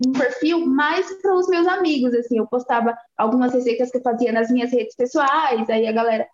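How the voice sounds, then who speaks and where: Bahian woman, twenties, high and bright-pitched, casual and chatty, echoey lo-fi sound. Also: fairly quick. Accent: Bahian Portuguese. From Bahia, Brazil. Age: 20s. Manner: relaxed, chatty, laughs easily. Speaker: guest, activist. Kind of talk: casual interview talk.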